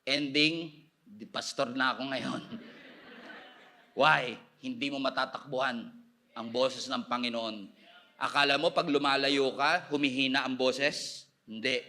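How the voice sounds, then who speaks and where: Man, pastor, live sermon, very bright piercing voice, animated, humorous. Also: medium pitch, unhurried. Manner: animated, humorous preaching that swings between soft asides and loud cries. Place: church service before a congregation.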